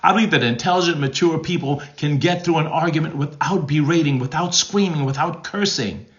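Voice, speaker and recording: A man's voice: fairly high pitch, a little fast, lo-fi sound. A man, a pastor, teaching relationship advice live to his viewers, answering their comments and acting out tones of voice as examples. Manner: animated, keeps checking in with the audience with "okay?".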